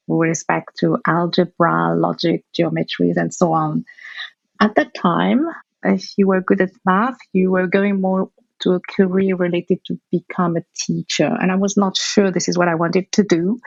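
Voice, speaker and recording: A middle-aged woman from Algeria, a guest researcher answering interview questions thoughtfully, pausing and restarting as she finds her words. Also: lowish voice, gravelly, no room sound. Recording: dull lo-fi remote audio.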